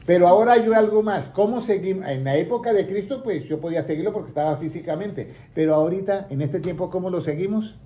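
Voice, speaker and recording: A man's voice: sits high, fast, hardly any pauses, mellow. Man teaching Scripture through questions. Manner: asks questions and lets listeners finish his sentences. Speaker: Bible teacher. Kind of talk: interactive Bible lesson.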